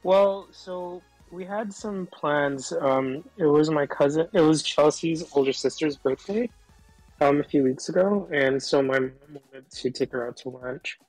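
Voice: medium pitch, a little slow, darkish tone, no echo, soft background music, poor audio. A caller talking through a voice changer that disguises the voice, chatting casually on a call and rambling with lots of fillers. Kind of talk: casual phone chat.

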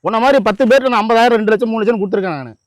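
A man's voice: sits high, very fast, no echo, clean studio sound. A man in a comedy skit playing a loan collector, nagging and insistent, repeating his demands. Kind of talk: scripted comedy skit acting.

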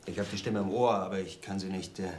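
An actor playing an uneasy witness who cannot pick a suspect at a police lineup. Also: male voice, low-pitched, fairly even intonation, quick pace, darkish tone, a little hiss or hum, close to an everyday voice. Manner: hesitant, uneasy. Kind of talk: 1980s TV crime drama acting.

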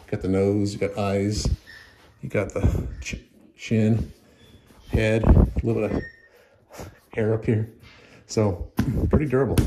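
A man's voice: lowish voice, noisy background. A middle-aged man casually reviewing a product at home, rambling with many restarts and repeated words, recorded on a handheld phone. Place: home practice room. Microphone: handheld phone camera.

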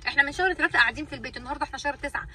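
A woman's voice: high voice, rapid-fire, bright, forceful tone, distant mic, a little hiss or hum, low-quality recording. A woman with an Egyptian Arabic accent, a mother and vlogger venting casually to her viewers in an exasperated, ranting way, repeating herself for emphasis.

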